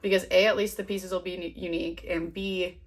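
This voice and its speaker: This vlogger, a young woman in her twenties, talks loosely to her camera at home while applying makeup, slipping in some self-deprecating humor. She's fighting a cold and sounds slightly sniffly, her voice low-ish, brisk and not very varied in pitch.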